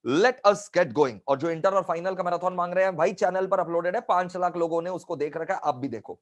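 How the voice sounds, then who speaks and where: A man's voice: sits high, fairly quick. A man teaching a live online revision class, emphatic, repeating key points and adding scolding asides to his students.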